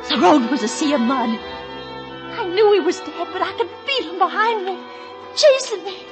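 A frantic wife who pleads and stammers in a very high voice. She also narrates her own night. Music plays clearly under the old radio recording. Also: expressive, normal speed. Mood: narrating. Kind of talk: 1940s radio acting.

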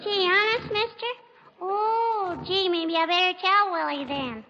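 A woman's voice: extremely high pitch, a little slow, sharp tone, voice pushed up, exaggerated voice. A woman voicing a naive, cheeky little girl in 1940s radio comedy, talking in an innocently literal, sing-song way. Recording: dull old radio broadcast with reverb.

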